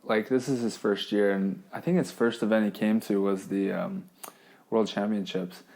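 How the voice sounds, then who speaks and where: A man's voice: lowish voice, fairly even intonation, moderate pace, gravelly, a little mellow. A man hosting a podcast in casual chat, laid-back and laughing, often acting out what others said. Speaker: podcast host.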